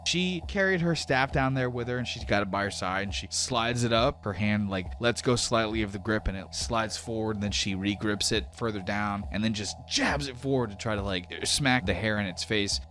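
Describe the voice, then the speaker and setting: Running a tabletop role-playing podcast as game master, a man speaks in a lowish, fairly bright voice at normal speed with few pauses. His narration is casual and descriptive, weaving rules talk into the story.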